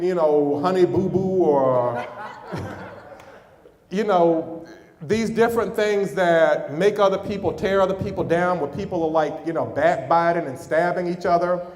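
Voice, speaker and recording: A middle-aged pastor preaches in a storytelling way, his voice a little higher than most men's. He talks straight to the congregation, and the sound rings out in a big hall with a long reverb. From United States. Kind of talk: sermon.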